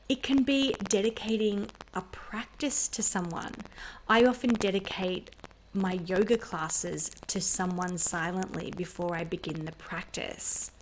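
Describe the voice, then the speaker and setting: Woman, 30s, wellness talk host, gentle and upbeat, conversational, faint hiss behind. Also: a little high. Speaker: podcast host.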